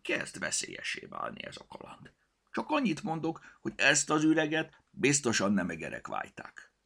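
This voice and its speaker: A man's voice: on the high side, huge pitch swings, creaky, bright, forceful tone, breathy edge, pitched above the performer's own voice, full character voice. A man doing a timid, worried talking cat. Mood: frightened. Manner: worried, nagging warnings.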